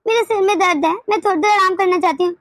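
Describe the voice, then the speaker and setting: A woman's voice: extremely high pitch, rapid-fire, a bit bright, no room sound. A woman voicing a tired old grandmother in a cartoon, complaining of a headache and grumbling. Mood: pleading tired. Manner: weary, complaining. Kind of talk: cartoon dubbing.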